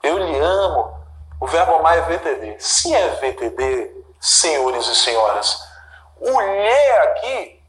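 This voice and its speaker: A man's voice: a little high, sing-song, measured pace, a bit bright, roomy sound, a little hiss or hum, low-quality recording. A man with a Brazilian Portuguese accent teaching grammar in a video lesson, talking to viewers and repeating key terms.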